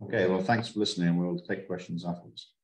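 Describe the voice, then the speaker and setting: A man giving an online presentation on weaving, speaking a little haltingly. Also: low-pitched, fairly even intonation. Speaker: master weaver presenter. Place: indoors, video call. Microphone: video call. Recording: roomy video call audio.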